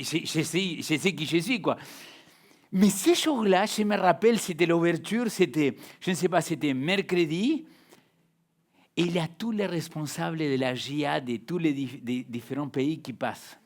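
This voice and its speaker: On the high side, the voice of a young adult pastor delivers a sermon in accented, non-native French. He's emphatic, repeating words and moving back and forth between loudness and near-whispers.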